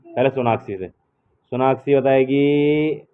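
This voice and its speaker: A man's voice: mid-range voice, fairly even intonation, slow, smooth. A male primary school teacher leading a classroom math lesson with young children, patient and coaxing, often checking that they understand. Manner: patient, coaxing, asks many check questions. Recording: tinny phone-like classroom recording with faint noise.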